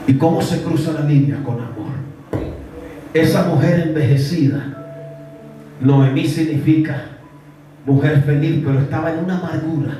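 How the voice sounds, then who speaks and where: A male pastor from Colombia preaching a fervent sermon, dropping low and soft, then rising to shouted calls for praise. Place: church sanctuary. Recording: echoey church from far off with music. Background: music.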